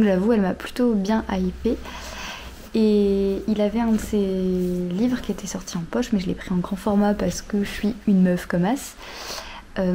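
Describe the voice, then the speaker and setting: Chatty young woman, mellow voice. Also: mid-range voice, slight background noise. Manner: chatty, many fillers, drops to soft asides. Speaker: vlogger. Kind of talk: casual book vlog. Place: outdoors near road traffic.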